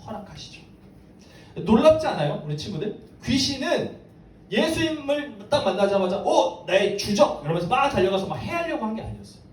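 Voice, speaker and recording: A man's voice: high voice, darkish tone. A man preaching a sermon to young people, keeps asking his listeners questions as he explains. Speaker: pastor. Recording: echoey room, mic far off, faint background hiss.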